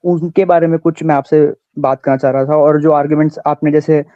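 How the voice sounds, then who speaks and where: This caller is a man from India putting a debate question through a dull, dry, lo-fi phone line. He speaks fairly quickly in a slightly high, fairly even voice, pressing his point earnestly while pausing to find the right words.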